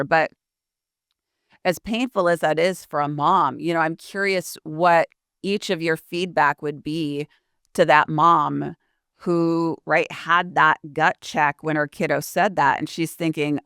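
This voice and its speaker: A woman's voice: deep voice, fairly even intonation, a little slow, a bit bright, clear, resonant tone, no echo, studio quality. A middle-aged woman hosting a podcast interview, earnest and reflective as she frames her questions. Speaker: podcast host.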